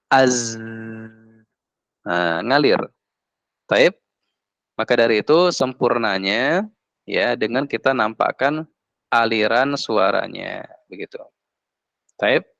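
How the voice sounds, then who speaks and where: Slow, patient man teaching recitation. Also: medium pitch, creaky, a bit bright, no room sound. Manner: slow, patient, demonstrates sounds repeatedly. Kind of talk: classroom lesson on letter articulation. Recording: dry, dull lo-fi recording.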